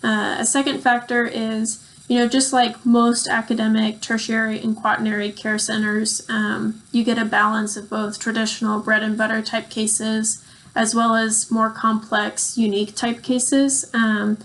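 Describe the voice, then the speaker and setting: A young woman from Texas, a surgical resident, giving an unhurried recorded testimonial with frequent "um"s. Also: on the high side, level tone, fairly bright tone, low-quality recording. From Texas, USA. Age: young adult.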